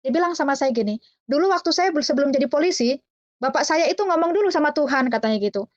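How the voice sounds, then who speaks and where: A woman's voice: sits high, expressive, dry recording, muffled recording. A woman from Java telling her personal faith testimony in a chatty way, speaking to listeners as dear brothers and sisters and acting out the voices of the people in her story. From Java, Indonesia. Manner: acts out quoted voices, sings hymn lines slowly.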